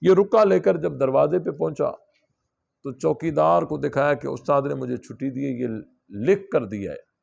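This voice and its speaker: A man's voice: fairly high pitch, creaky, a little mellow. A man teaching a religious class, explaining a text step by step and asking his students questions. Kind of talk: classroom lesson on scripture.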